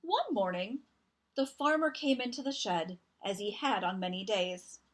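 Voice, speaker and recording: With a mid-range voice, a woman tells a children's picture book story aloud. Her storytelling is expressive and deliberate, marked by dramatic emphasis.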